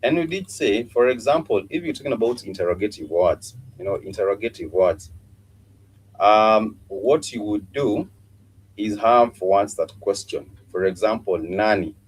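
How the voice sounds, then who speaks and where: A man's voice: on the low side, normal speed, slight background noise, rough recording. A man teaching a live online language lesson, patiently repeating phrases and spelling words out letter by letter. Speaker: Swahili teacher.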